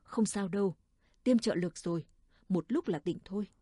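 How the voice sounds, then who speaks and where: A woman voicing a calm, reassuring male village medic in a storybook reading. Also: mid-range voice, moderate pace, slightly rough, dry recording, studio quality, close to an everyday voice.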